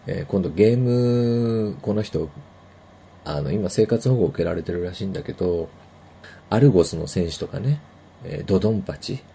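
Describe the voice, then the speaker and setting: A man hosting a podcast, chatting casually in a laid-back, unhurried way. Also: deep voice, expressive, gravelly, warm tone, a little hiss or hum. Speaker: podcast host.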